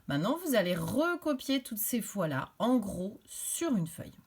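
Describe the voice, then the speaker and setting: A woman teaching a recorded lesson to young children, explaining clearly and patiently step by step. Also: medium pitch, very animated, normal speed. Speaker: primary school teacher.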